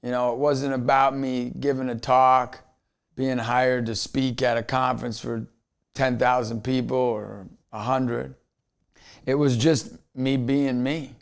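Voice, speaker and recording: A man's voice: mid-range voice, flat delivery, measured pace, gravelly, clear, resonant tone. A man, a motivational speaker, telling a personal story in an earnest way, often repeating words as he restarts a thought.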